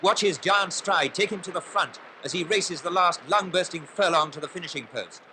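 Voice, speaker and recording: A man narrates in the manner of an old newsreel, his voice set a little high and sharply bright. He calls the action formally and briskly, pressing harder as the race unfolds. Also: a little hiss or hum. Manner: brisk, formal, building excitement in play-by-play. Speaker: newsreel commentator.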